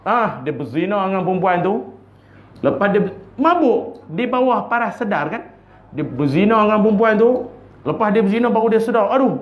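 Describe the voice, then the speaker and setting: High-voiced Malaysian preacher telling stories. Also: male voice, slight background noise. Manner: humorous storytelling, acts out voices, laughs often. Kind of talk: evening religious lecture. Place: mosque prayer hall. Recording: echoey dull lo-fi hall recording.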